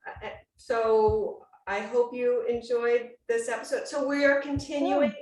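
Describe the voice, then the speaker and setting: Indoors at home, a woman leads an online cooking class by video call, chatty and full of exclamations. Her voice is fairly high and darkish, with little pitch movement, and she speaks a little slowly. The audio has a roomy, far-from-the-mic quality.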